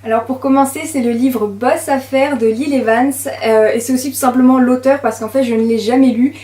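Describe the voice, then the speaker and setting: A woman's voice: high-pitched, fairly even intonation, a little fast, mellow. Chatty young French woman, echoey room. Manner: chatty, many fillers and hesitations. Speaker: book vlogger. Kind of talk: casual chat to camera.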